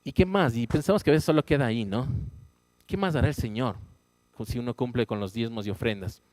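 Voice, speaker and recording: A man teaching a Bible study in a church, animated and conversational, often checking in with his listeners. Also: medium pitch, fairly quick, no room sound. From Ecuador. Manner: animated, rising emphatic exclamations; conversational, frequent "¿sí?" check-ins. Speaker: pastor.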